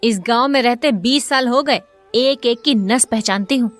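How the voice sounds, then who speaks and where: A woman voicing a fiery, sharp-tongued middle-aged village wife who scolds and hurls insults. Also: moderate pace, soft background music, natural voice. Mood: furious. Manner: shrill, scolding, hurling insults.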